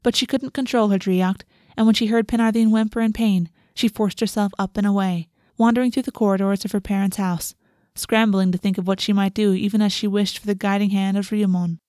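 A woman narrates a fantasy story in audiobook style. Her voice sits at a middle pitch and follows a written text, with a close, dry sound free of room echo. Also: steady tone, brisk, few pauses, dark tone. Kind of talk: scripted fantasy fiction narration.

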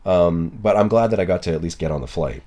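A man's voice: sits low, expressive, quick pace, mellow. A man co-hosting a podcast, telling a story casually with lots of fillers and the odd swear. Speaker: podcast co-host, body piercer. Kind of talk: casual chat.

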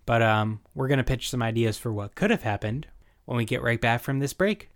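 A man's voice: mid-range voice, brisk. A young man co-hosting a podcast in a casual, informal recap chat, given to swearing and paraphrasing dialogue. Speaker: podcast co-host.

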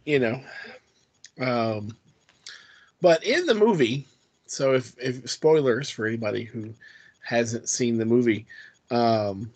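A man's voice: medium pitch, takes it slowly, long pauses, a little mellow, slight background noise. A man co-hosting a podcast, explaining a trivia fact in a rambling, hesitant way with many ums and restarts. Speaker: podcast co-host. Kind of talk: casual podcast chat.

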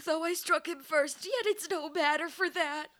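A foolish, cowardly male knight, played by a woman who blusters and whines. The voice is very high and bright, and it sounds silly rather than fierce. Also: moderate pace. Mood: blustering. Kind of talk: stage play performance.

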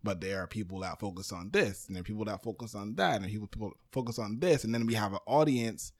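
A man's voice: lowish voice, fast. A man from Brooklyn, a podcast network founder, talking loosely as an interview guest with lots of "um" and "you know". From Brooklyn, New York, USA. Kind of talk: casual interview talk.

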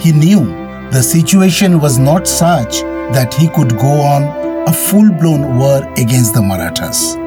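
A man's voice: fairly high pitch, expressive, unhurried. A man co-hosting and reading a scripted history narration. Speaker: podcast co-host. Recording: music bed under the voice. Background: background music.

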